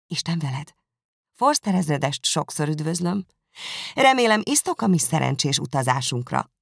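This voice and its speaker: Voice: mid-range voice, animated, creaky, a bit bright, no echo, studio quality. A narrator reading out a letter as Lydia, a giddy, careless young woman, in a playful breezy way.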